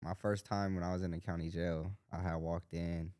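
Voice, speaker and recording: A young man from Southern California, a music artist guest, talking casually in low-key mumbled street slang. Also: flat delivery, moderate pace, a little mellow, no echo, clean studio sound. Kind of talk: casual chat.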